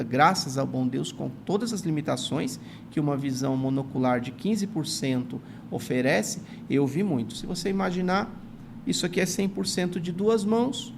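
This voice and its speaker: A gravelly, slightly high-voiced man in his forties from São Paulo, Brazil, speaks with a São Paulo accent as an interview guest, a retired teacher and writer. He tells reflective stories in an earnest, grateful manner, sprinkling in many "não é" tags. Slight background noise is audible.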